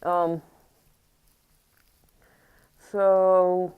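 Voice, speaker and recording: Low-voiced woman rambling to camera. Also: little pitch movement, drawn-out words, clear, resonant tone, phone-quality sound. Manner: rambling and hesitant, many fillers and restarts. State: a little squeaky from morning. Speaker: vlogger. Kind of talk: casual rambling monologue to camera. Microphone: wearing a mask.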